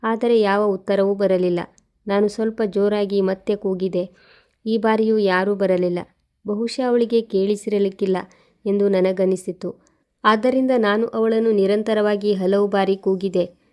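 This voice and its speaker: Flat, mellow-voiced woman storyteller. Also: mid-range voice, a little slow. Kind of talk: scripted first-person story narration.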